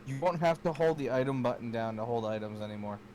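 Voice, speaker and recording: Excitable swearing man gaming with friends. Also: mid-range voice, quick pace, slight background noise. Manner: excitable, swears often, rambling restarts. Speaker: streamer playing a kart racing game. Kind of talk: casual gaming chat.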